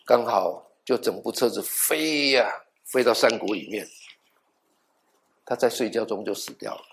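In a lowish voice and at a slightly slow pace, a middle-aged pastor delivers a sermon full of animated storytelling. He plays out the dialogue, offers half-joking asides, and drops in the odd English word.

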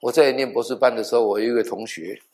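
A middle-aged man, a pastor, preaching a sermon in an animated storytelling way, acting out dialogue with half-joking asides and dropping in the odd English word. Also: mid-range voice, fast. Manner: mixes in English words.

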